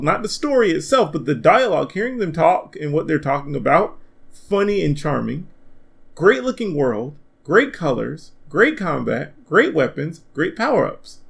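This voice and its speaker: A man hosting a casual gaming podcast, animated and swearing freely as he rants about games. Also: high-pitched, vocal fry. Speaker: podcast host.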